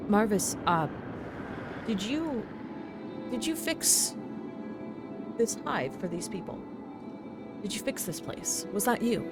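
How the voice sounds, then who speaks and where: A woman's voice: medium pitch, sing-song, slow, long pauses. A woman voicing an eager, musing tinkerer who asks formal, clipped questions in a tabletop game. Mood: insistent questioning. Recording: loud background music.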